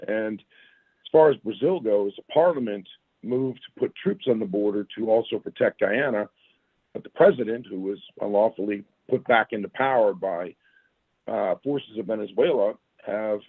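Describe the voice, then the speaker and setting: A retired army sergeant with a raspy, lowish voice and a sore throat talks as a guest in a casual interview, plainspoken with folksy asides. The audio comes through a tinny, dry phone line with no room sound.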